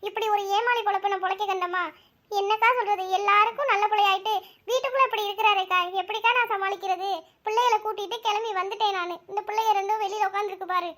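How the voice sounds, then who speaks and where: A woman's voice: very high-pitched, fairly even intonation, fast talker, a bit bright. A woman voicing a distressed cartoon aunt pleading tearfully to her elder sister. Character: distressed aunt Selvi, wronged wife.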